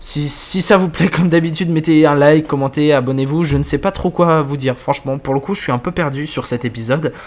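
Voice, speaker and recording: A man hosting a horror story channel, wrapping up casually and thinking aloud with hesitant pauses. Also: on the high side, faint music behind. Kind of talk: casual wrap-up commentary.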